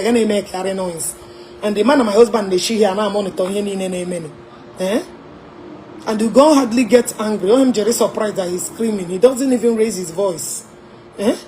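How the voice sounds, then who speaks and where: A Nigerian woman with an Igbo-tinged accent chatting on a casual livestream from a hotel room, animated and laughing, mixing English and Igbo. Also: medium pitch, a little hiss or hum. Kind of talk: casual live-stream chat.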